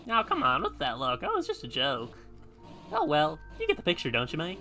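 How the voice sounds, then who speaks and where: A bright, quick-tongued rabbit schemer from a video game, flirty and mocking. The pitch leaps around theatrically over background music. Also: huge pitch swings, full character voice. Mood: taunting. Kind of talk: video game cutscene acting.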